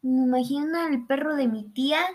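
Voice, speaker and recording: A woman's voice: high-pitched, fairly even intonation, a little fast. A young Mexican woman rambling sarcastically through a playful, comedic explainer. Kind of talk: casual comedic explainer monologue.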